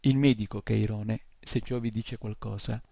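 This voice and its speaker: A man's voice: on the low side, steady tone, moderate pace, gravelly, mellow, no echo. A man voicing an old male centaur healer who grumbles impatiently, in an audiobook reading. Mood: gruff.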